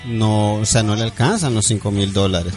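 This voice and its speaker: A man's voice: lowish voice, moderate pace, a little mellow, faint music behind. A man with a Salvadoran accent, co-hosting a podcast with profane, joking commentary. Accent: Salvadoran Spanish. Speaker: podcast co-host. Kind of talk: crude casual banter.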